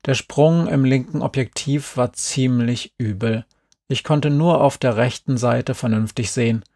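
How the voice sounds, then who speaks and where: A man calmly reading a first-person story aloud. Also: medium pitch, measured pace, gravelly, no echo, studio quality. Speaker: audiobook reader.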